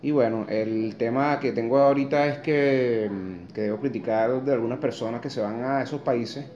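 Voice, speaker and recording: In his home kitchen, a Venezuelan-accented man in his forties films an angry, blunt opinion video on a phone held close, swearing and mocking with sarcastic asides. His voice is medium-pitched, a little mellow, and moderately paced, with the highs cut off. The room sounds echoey on the phone recording.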